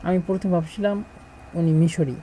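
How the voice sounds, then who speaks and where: A middle-aged man from Bangladesh, teaching a language lesson and repeating words slowly as he drills them. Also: fairly high pitch, steady tone, mellow, a little hiss or hum, rough recording.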